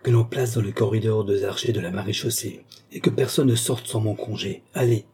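A man's voice: fairly low pitch, fairly even intonation, a little fast, vocal fry, a little mellow, husky, heavily acted. A man voicing a haughty royal princess who gives commands and grows alarmed, read in an audiobook. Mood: imperious. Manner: commanding, indignant. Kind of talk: audiobook character reading.

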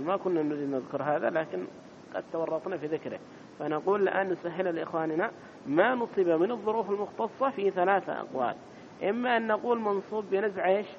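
A man teaches a classroom grammar lecture in a mosque. He repeats each key term and keeps asking his listeners short questions. The recording is dull and lo-fi, with a faint rumble behind him. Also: very fast.

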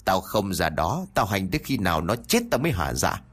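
A vengeful spirit spits curses from inside a possessed boy, as a man puts it on for a storybook ghost tale. The voice is husky and low, lurching between pitches as it snarls. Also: very animated, fairly quick, fairly bright tone, full character voice. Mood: abusive. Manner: snarling, abusive.

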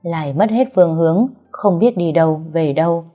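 A woman narrating a story in a steady, even storytelling manner. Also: fairly low pitch, moderate pace, lo-fi sound, soft background music. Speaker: audiobook narrator.

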